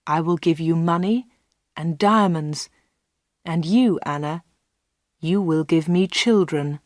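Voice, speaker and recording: A menacing man with strange powers, as a woman reader puts him on, speaking low, quiet and insistent. The voice sits a little lower and softer than her own, in a dry, close recording. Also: slow pace, dry recording. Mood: quietly menacing.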